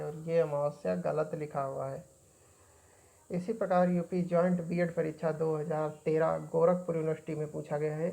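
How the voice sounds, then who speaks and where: A woman with a low, dark voice teaches an exam-prep grammar lesson. She keeps her delivery flat and steady, repeating each word and marking it right or wrong. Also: creaky, rough recording.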